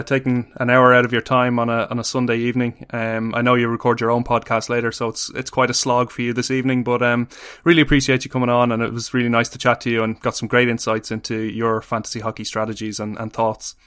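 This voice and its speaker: Irish male podcast host, mid-pitch, dry close mic, talks with fillers and restarts. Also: level tone, quick pace, few pauses, a bit bright, clean tone, dry recording. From Ireland. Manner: hesitant, many ums and restarts. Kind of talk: casual chat and stats rundown.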